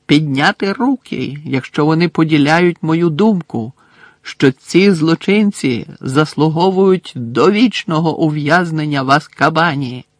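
A man voicing a stern older male judge who speaks loudly and formally. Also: on the high side, a little slow, no echo, voice pushed up. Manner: loud, shouting, clipped formal speech.

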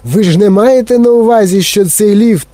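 A man voicing an excitable elderly grandfather who cries out in drawn-out shouts in an audiobook reading. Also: sits high, dry recording, pitched above the performer's own voice, lightly acted. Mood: panicked. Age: older. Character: excitable old grandfather, frail but thrilled.

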